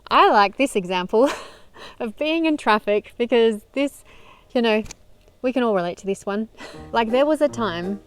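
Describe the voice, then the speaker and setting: A woman's voice: a little high, expressive, normal speed, clear, resonant tone. A woman hosting a self-help video, speaking to camera in an earnest, encouraging and conversational way. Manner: earnest, encouraging, conversational, with frequent soft laughs. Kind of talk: direct-to-camera motivational talk.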